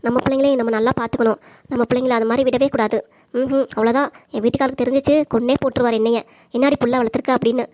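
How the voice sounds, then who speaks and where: திருநெல்வேலி வட்டார வழக்கில், வருத்தத்துடன் கெஞ்சியும் தன்னைக் காத்துக்கொண்டும் பேசும் இளம் மருமகளாக ஒரு பெண் குரல் கொடுக்கும் cartoon. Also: female voice, a little high, fairly even intonation, rapid-fire, a little mellow, lightly acted. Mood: worried. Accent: Tirunelveli Tamil. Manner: pleading, emotional. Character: young wife, pleading and hurt daughter-in-law. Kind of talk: cartoon comedy voice acting.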